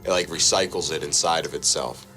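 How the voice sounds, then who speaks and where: A man co-hosting a casual chat show, rambling through explanations with relaxed swearing. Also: very deep voice, fairly quick, soft background music. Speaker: podcast co-host.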